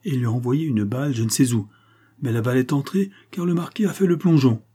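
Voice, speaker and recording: A man's voice: medium pitch, quick pace, warm tone, breathy edge, natural voice. A man reading a sly, cheerful and scheming male accomplice in an audiobook, with a mocking, easygoing manner.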